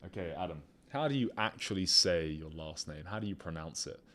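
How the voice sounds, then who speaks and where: A man's voice: sits low, expressive, a little fast, a bit bright. A man co-hosting a fitness talk show in casual chat, backing his partner with short agreeing replies. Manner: supportive, many short agreeing "yeah"s.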